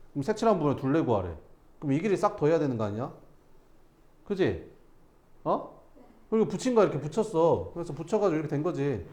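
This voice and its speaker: Guy teaching middle school math in a classroom, voice jumps around a lot, kinda echoey. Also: on the high side. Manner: animated, asks students questions and answers himself; banmal, casual teacher talk to students.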